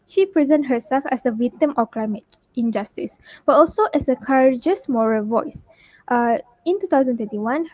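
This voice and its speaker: A young woman with a high voice reads a scripted class presentation, pausing on fillers and fixing her slips as she goes. The sound is dry and close, with no room behind it. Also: darkish tone, dry recording. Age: young adult. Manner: reads steadily with frequent uh fillers and self-corrections. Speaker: university student presenter.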